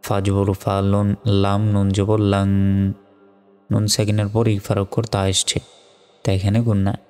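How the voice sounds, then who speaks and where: A man teaching Quran reading, spelling out each word slowly and evenly, then reciting it in long drawn-out tones. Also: lowish voice, long reverb tail, faint music behind. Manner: slow, even spelling drills, with drawn-out recitation.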